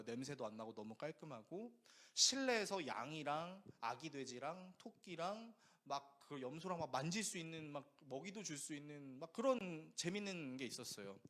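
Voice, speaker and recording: A man, a pastor, preaching a sermon with lively stories and rhetorical questions to his congregation. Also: a little high.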